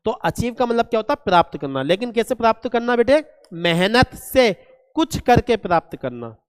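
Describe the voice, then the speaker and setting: A man teaching a classroom vocabulary lesson, asking questions and answering them himself, spelling words letter by letter and reading English examples very slowly. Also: very high-pitched, very animated, clean tone, in a large hall. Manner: asks and answers his own questions, calls students "beta".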